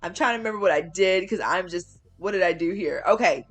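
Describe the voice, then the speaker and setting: A woman with a slightly low-pitched voice narrates a casual how-to vlog. She talks in an informal, chatty way and stresses words for emphasis. It sounds like a relaxed voiceover explaining a routine step by step. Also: fast talker. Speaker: hair care vlogger.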